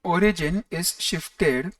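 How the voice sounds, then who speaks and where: A teacher giving a step-by-step maths lecture in a deliberate way, pausing between short phrases. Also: medium pitch, dry recording. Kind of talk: lecture explaining coordinate geometry step by step. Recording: distant microphone.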